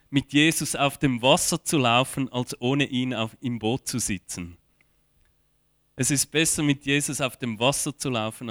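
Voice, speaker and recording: A man preaching a sermon, slow and earnest, rising in emphasis at key points. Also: medium pitch, fairly bright tone, no room sound, clean studio sound.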